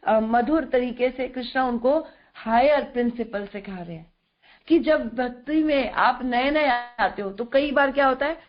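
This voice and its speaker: Woman scripture teacher, high voice, explanatory, rhetorical questions, dull lo-fi video call audio. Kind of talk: scripture class explaining verses.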